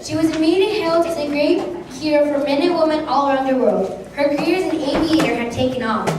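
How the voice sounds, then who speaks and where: A woman's voice: high-pitched, fast. A woman reading scripted narration aloud for an amateur history play. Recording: very echoey hall, distant mic, faint noise.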